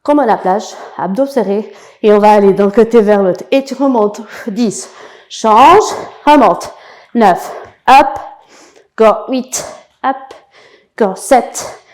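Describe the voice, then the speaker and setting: A woman leading an abs workout class, counting repetitions and giving short, brisk, encouraging cues. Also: fairly high pitch, darkish tone. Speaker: fitness coach. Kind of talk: guided workout instruction.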